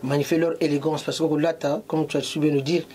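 A man's voice: on the high side, level tone, fast talker, dark tone, a little hiss or hum. A middle-aged man from Congo, a fashion designer, interviewed in a clothing shop, mixing French and Lingala with emphasis. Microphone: handheld mic held by interviewer.

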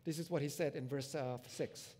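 A male pastor preaching a sermon in a conversational way, full of fillers, moving between loud emphasis and quiet asides. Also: on the high side, fairly even intonation, normal speed. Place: church.

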